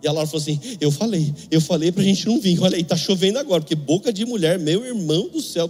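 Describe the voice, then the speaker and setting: High-voiced Brazilian preacher in echoing hall. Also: male voice, darkish tone, breathy edge. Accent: Brazilian Portuguese. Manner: humorous storytelling with acted dialogue. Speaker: pastor. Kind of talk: sermon.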